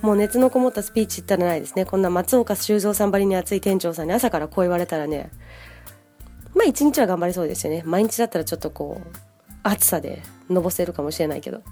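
A woman's voice: fairly low pitch, expressive, fast talker, mellow, faint music behind. A woman hosting a casual language-learning podcast, talking in a chatty, upbeat way and laughing easily. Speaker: podcast host and English teacher.

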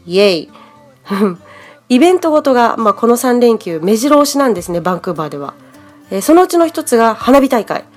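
A woman's voice: a little high, very animated, brisk, darkish tone, soft background music. A woman from Japan hosting a podcast English lesson, explaining in a friendly, chatty way. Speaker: English teacher, podcast host.

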